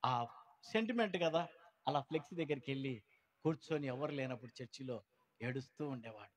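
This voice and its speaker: A man's voice: medium pitch, fairly quick. Man giving a dramatic church testimony. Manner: dramatic, swings between loud outbursts and hushed lines; acts out quoted people in changed voices. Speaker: testimony speaker at a gospel meeting. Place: church meeting.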